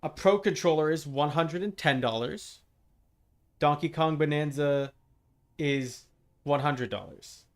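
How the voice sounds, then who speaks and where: Over background game music, a man chats through his live gaming stream in a higher-pitched voice at a slightly slow pace. His manner is casual and blunt, with frustrated, profane remarks thrown in.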